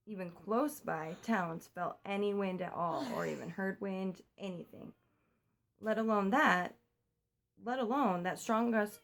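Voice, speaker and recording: This young US vlogger has a creaky, medium-pitched voice. She's chatting rapidly in a casual home vlog shot on her phone, keeping her voice down because it's nighttime.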